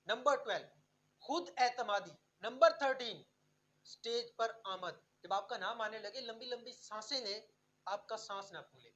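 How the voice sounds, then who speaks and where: A woman's voice: a little high, a bit bright, dull audio. Woman reading numbered speaking tips. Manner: clear numbered list delivery, instructive. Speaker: speaking skills instructor. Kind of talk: scripted tutorial narration.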